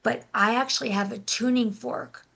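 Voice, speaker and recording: A young adult woman speaking as a guest in a casual interview, often restarting her sentences and filling pauses with "like". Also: a little high, steady tone, vocal fry, a bit bright. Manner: halting, restarts, many "like" fillers. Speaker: guest, intuitive healer and life coach.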